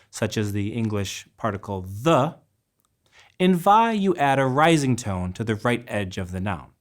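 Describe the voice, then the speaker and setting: A man narrating a scripted linguistics lesson, carefully pronouncing example words in a measured way. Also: medium pitch. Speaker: lecturer.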